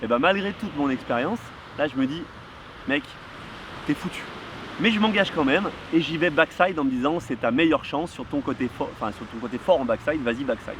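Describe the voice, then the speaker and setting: Animated man telling a story. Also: fairly high pitch, fast talker, few pauses, background noise. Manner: lively, animated, heavy on fillers. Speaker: kitesurf vlogger. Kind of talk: casual storytelling to camera. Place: outdoors near a surf spot.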